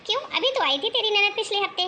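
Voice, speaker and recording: A woman voicing an older mother in a cartoon, calmly advising her daughter and joking dryly. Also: very high voice, fast, slight background noise, exaggerated voice. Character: calm older mother giving advice by phone.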